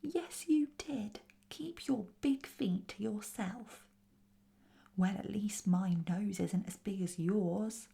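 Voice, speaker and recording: A woman voicing rude, squabbling male goblins with gruff voices, in a soft whispered role-play. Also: medium pitch, unhurried, close to an everyday voice. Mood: quarrelsome.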